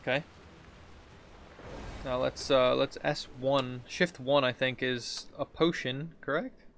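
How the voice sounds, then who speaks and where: Seated at his computer indoors, this gaming video host in his thirties talks slowly in a steady, mid-range voice that's creaky yet fairly bright. His let's play commentary is casual and slangy, full of reactions and thinking aloud, with game music and slight background noise behind him.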